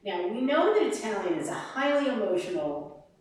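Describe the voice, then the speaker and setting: A woman vocal coach teaching a master class, animated, demonstrating sounds and sung lines. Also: medium pitch, fairly quick, a little hiss or hum. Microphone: distant room mic. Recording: very echoey room from far off.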